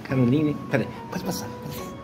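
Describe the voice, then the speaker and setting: Speaking a little fast in a mid-range voice, an older vlogger with a Brazilian Portuguese accent chats casually with viewers about the cats delighting him at a cat café. He films on a phone at arm's length while music plays in the background.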